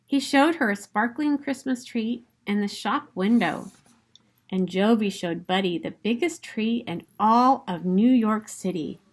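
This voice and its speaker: Reading a picture book for children, a woman uses a mid-range voice and an emphatic, expressive storytelling style.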